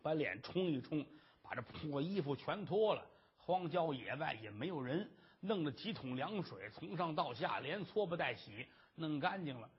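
A man performing traditional Chinese storytelling, lively and dramatic, on a dull lo-fi recording. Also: moderate pace, breathy edge. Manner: lively, dramatic, shifting pitch.

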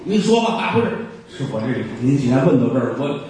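A jittery young dandy fawns and hesitates before a judge, as a male storyteller puts him on, in a lower voice than the others. The voice carries a lot of echo. It sounds as if it was recorded from far away. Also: sing-song, quick pace, darkish tone, a little hiss or hum, close to an everyday voice. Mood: fawning. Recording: very echoey hall from far off.

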